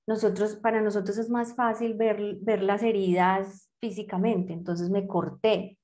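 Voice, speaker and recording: A woman's voice: medium pitch, fairly even intonation, unhurried, a little mellow. A woman giving a reflective talk, who strings phrases into long lists with many fillers and restarts. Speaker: guest speaker on childhood wounds.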